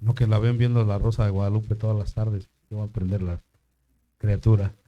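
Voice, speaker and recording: A man's voice: on the low side, level tone, brisk, muffled recording. An older man preaching a sermon in church, asking the congregation questions as he goes. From Mexico. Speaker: pastor.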